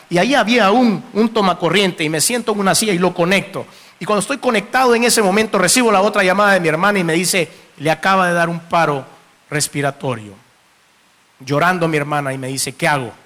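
High, bright-voiced preacher man. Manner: earnest, emotional, rising to fervent exhortation. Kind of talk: sermon with personal testimony.

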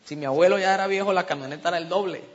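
A man's voice: sits high, very fast. A man from Colombia, preaching a sermon as humorous storytelling and asking the congregation questions. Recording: dull sound with long hall reverb.

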